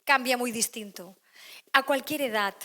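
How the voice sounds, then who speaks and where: A woman giving a conference talk on emotional education to an audience, lively, acting out quoted voices. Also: a little high, measured pace. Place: lecture hall.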